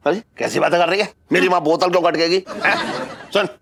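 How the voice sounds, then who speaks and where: A man's voice: high voice, fairly even intonation, brisk, creaky, fairly bright tone. A man playing a boisterous father in a TV sitcom, coaxing with sing-song laughs. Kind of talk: TV sitcom acting.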